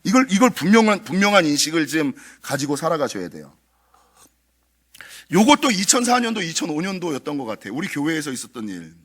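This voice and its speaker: A middle-aged male pastor preaching at a dawn prayer meeting, telling a story with animated delivery and acting out the dialogue. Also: fairly high pitch, fairly quick. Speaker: senior pastor.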